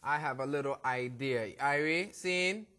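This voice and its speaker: A man's voice: medium pitch, a little slow, a crowd in the background. A man from Brooklyn hosting a cooking show in playful, joking banter with his guest. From Brooklyn, New York. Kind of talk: casual cooking show chat.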